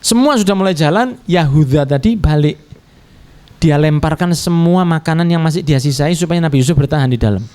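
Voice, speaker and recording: A man delivers a storytelling sermon. He slips into the characters' voices, and his pitch jumps up and down as he does. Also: brisk, a little mellow, clear, resonant tone. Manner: acts out characters' lines with shifting pitch. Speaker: preacher.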